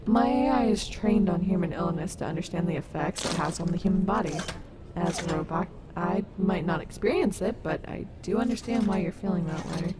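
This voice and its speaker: A woman's voice: lowish voice, fairly quick, lightly acted. A woman playing a caring, sassy robot wolf animatronic in an ASMR audio roleplay, soothing and reassuring with a wry streak. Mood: comforting, wry. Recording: noticeable background noise.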